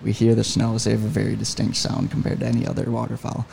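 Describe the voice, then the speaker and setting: A man's voice: on the low side, quick pace, gravelly, a little hiss or hum. A man telling a story as a podcast guest, in a casual, enthusiastic way. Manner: enthusiastic, animated retelling. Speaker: podcast guest, hunting guide.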